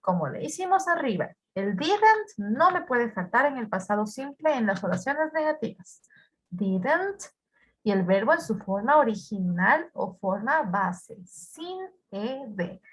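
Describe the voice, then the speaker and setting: Woman teacher going over verbs, slightly high husky voice, repeats stuff and keeps asking the class questions. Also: very animated, unhurried. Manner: patient, repeats words and quizzes students. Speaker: English teacher. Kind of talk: online English grammar lesson.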